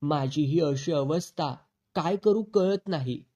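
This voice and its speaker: Guy reading a begging anxious friend from a novel, dark mellow voice, gets a bit higher. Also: takes it slowly. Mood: pleading. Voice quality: pleading, helpless. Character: pleading anxious male old friend.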